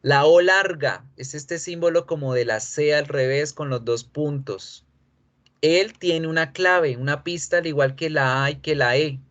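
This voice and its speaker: A man's voice: a little high, a bit bright, dull audio. Male teacher running a pronunciation lesson, patient and repetitive. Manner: explains patiently, repeats model words slowly. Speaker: English teacher.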